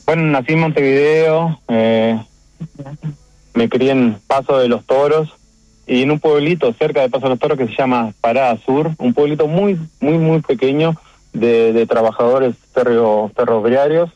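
A middle-aged man with a Uruguayan accent, a chef talking about his restaurant's award in a phone interview, halting and emotional, with many restarts. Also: mid-range voice, a little mellow, dry recording. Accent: Uruguayan Spanish. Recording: dull phone line.

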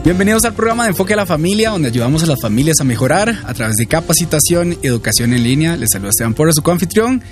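A man's voice: on the high side, lively intonation, racing, hardly any pauses, music in the background. A young man co-hosting a family talk show, listening attentively and giving frequent small replies. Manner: attentive, with frequent back-channel sounds. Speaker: co-host. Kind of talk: podcast interview hosting.

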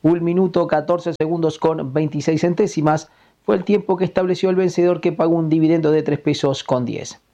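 A man with a Uruguayan accent giving a formal, measured report of horse racing results as a radio correspondent. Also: a little high, steady tone, mellow, dull audio.

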